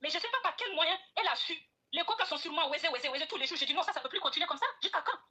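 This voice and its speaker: Fast, high-pitched woman arguing heatedly. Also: pushed and bright. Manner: insistent, repeats herself, swears oaths. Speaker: guest speaker on a live stream. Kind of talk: heated live-stream argument. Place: at home, neighbours nearby.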